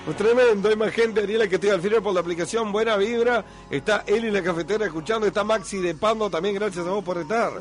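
A man's voice: high-pitched, quick pace, hardly any pauses, soft background music. Chatty Uruguayan morning radio host man. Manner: chatty, thanks listeners by name, fusses over sound levels. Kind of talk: casual morning radio chat.

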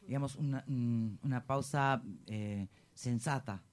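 Male co-host, halting, searches for words. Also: medium pitch. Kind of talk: casual chat.

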